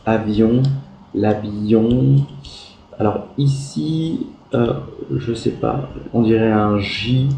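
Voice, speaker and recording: A schoolteacher, a man, works through his pupils' exercises, spelling out verb endings letter by letter with patient, gentle praise. His voice is low, very dark and gravelly, and his delivery is slow. He sounds like he is in an echoey room with a faint hum of background noise. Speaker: primary school teacher. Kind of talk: correcting pupils' written exercises aloud.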